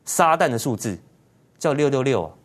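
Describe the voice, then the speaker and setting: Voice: medium pitch, very animated, normal speed. A political commentary host, ranting indignantly in heated commentary and firing off repeated rhetorical questions.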